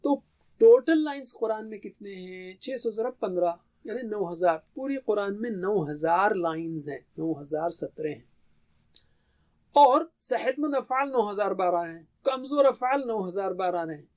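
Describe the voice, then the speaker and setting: A man's voice: high voice, expressive, a little mellow. Urdu-speaking man lecturing on Arabic grammar. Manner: explains step by step, asks and answers own questions. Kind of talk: classroom lecture on Quranic grammar.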